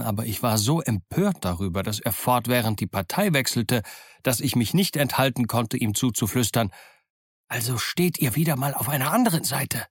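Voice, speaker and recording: A man reading an adventure novel aloud in calm, measured first-person narration. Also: medium pitch, dry recording, clean studio sound. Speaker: audiobook narrator.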